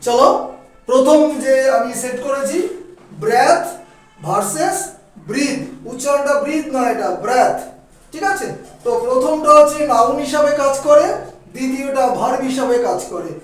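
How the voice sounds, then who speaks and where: High-voiced man teaching, echoey and distant. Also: faint music behind. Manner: explains slowly, often asks "okay?"; stretches English example phrases slowly. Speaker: English teacher. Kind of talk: spoken grammar lesson. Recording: echoey room, distant mic.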